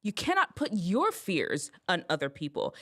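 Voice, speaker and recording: Woman host, casual storyteller with a lively, up-and-down voice, gives teens advice. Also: on the low side, moderate pace. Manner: animated, expressive storytelling.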